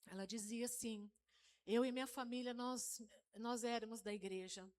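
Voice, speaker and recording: A woman's voice: on the high side, fairly even intonation, moderate pace, darkish tone. A middle-aged woman from inner São Paulo giving a storytelling testimony to a live church congregation, often calling out to the brothers. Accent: Brazilian Portuguese, interior São Paulo. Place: church hall, live service.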